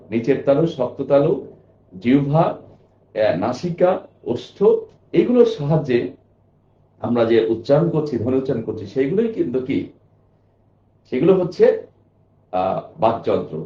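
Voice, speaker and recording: A man's voice: mid-range voice, mellow. Emphatic man teaching in an echoey room. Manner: emphatic, repeats key points, asks and answers his own questions. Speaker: exam prep teacher. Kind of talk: classroom lecture. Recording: echoey room, dull lo-fi sound.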